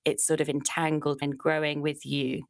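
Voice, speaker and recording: Low-voiced woman hosting a podcast. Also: little pitch movement, normal speed, vocal fry, no echo. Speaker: podcast host. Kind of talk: scripted intro, then interview.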